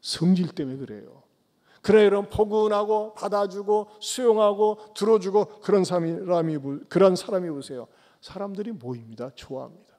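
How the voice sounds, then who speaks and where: A man preaching a sermon as pastor, tossing rhetorical questions at the congregation and swinging between loud calls and soft low asides. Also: lively intonation, normal speed. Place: church sanctuary. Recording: long church hall reverb.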